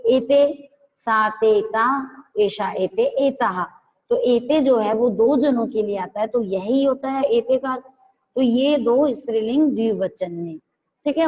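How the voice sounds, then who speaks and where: Woman teacher, patient step-by-step explaining, somewhat high voice, dull lo-fi sound with long reverb. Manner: patient, explains step by step and asks questions back. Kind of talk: online class lesson.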